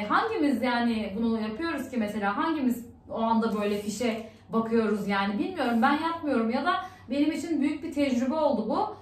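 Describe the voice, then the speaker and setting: Chatty high-voiced woman vlogging at home. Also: roomy sound. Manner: chatty, upset and ranting. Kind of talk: casual vlog chat.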